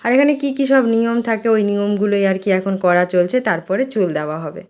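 A woman's voice: medium pitch, lively intonation, fast, heavy background noise. A woman narrating her family vlog in a chatty, casual way, with many small fillers. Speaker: vlogger and mother.

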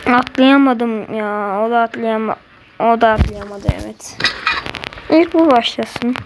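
A woman doing live gameplay commentary, excitable and quick to fly into frustrated outbursts at her opponents. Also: fairly high pitch, noisy background. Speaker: gamer.

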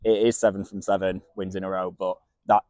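Flat, quick low-voiced interviewer. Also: male voice, no echo. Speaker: club media interviewer. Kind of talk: post-match interview questions.

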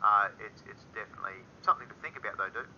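A man hosting a casual community voice call, relaxed and chatty, calling people dude and mate. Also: lowish voice, very fast, highs cut off, slight background noise. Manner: laid-back, calls people dude and mate. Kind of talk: casual chat.

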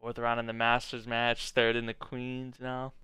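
A young adult man giving casual live reaction commentary, thinking aloud in an informal, halting way. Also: medium pitch, completely flat delivery, sharp tone, clean tone, no echo. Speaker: anime reaction video host. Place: small indoor bedroom or study.

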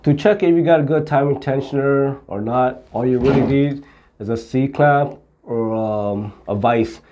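An unhurried, mid-range male voice belongs to a middle-aged auto repair instructor explaining car repair to camera step by step in plain language. The sound is lo-fi, with background noise.

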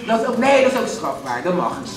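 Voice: medium pitch, very animated, fast talker, background noise. A playful host running a poetry slam, announcing the rules with jokes and English catchphrases. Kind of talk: lively stage hosting. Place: reading room at a poetry slam, audience present. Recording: roomy hall with audience, voice from a distance.

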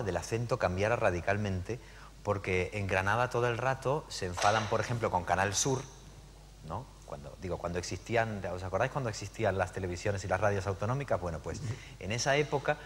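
Man with low voice, panel talk. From Argentina. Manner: animated, digressive, many hesitations. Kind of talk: live panel conversation. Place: lecture hall at a public event. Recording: hall reverb, faint background noise.

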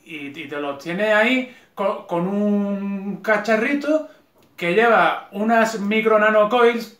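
A man with a Spanish accent from Spain vlogs from the sofa in his living room, ranting sarcastically with many restarts in a casual opinion piece. His voice is high-pitched and a bit bright, and the room sounds reverberant.

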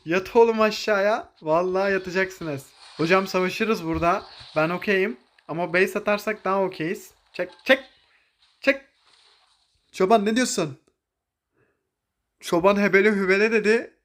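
Streaming a mobile game live, a young man speaks in a high voice at a moderate pace, joking excitably, shouting orders to his teammates and dropping English exclamations into his commentary.

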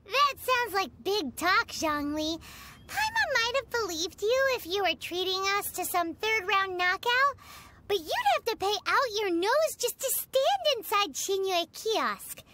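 A woman's voice: extremely high pitch, big pitch swings, measured pace, very noisy, exaggerated voice. A woman voicing a tiny, chatty female companion in a video game who teases and refers to herself in the third person. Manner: talks about herself in third person, teasing.

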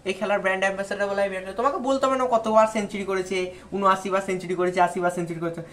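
Racing along in a medium-pitched, fairly even voice, an Indian woman tutor speaks directly to students in an instructional talk. She offers patient, step-by-step exam advice on speaking in front of others.

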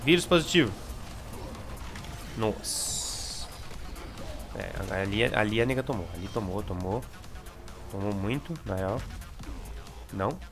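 A young Brazilian man with a Brazilian Portuguese accent commenting on his gameplay casually, excitable and repeating words, with sudden shouts. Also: lowish voice, slow, long pauses, music in the background. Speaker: gameplay streamer.

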